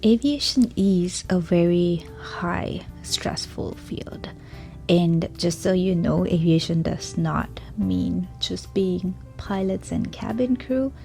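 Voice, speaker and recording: A young woman, telling her own story in a casual, earnest vlog with soft whispered asides. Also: mid-range voice, gravelly. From Sri Lanka. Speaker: vlogger, small business owner.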